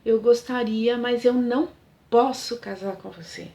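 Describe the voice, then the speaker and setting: A woman voicing a gloomy, stubborn young man with curt, quiet refusals in a retold story. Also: on the high side, steady tone, measured pace, reverberant.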